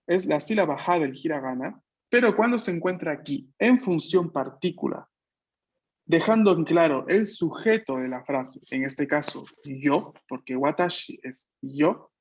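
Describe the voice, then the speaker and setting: A man's voice: a little high, husky, lo-fi sound. A man teaching a Japanese class online, explaining patiently and checking that his students follow. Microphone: video call.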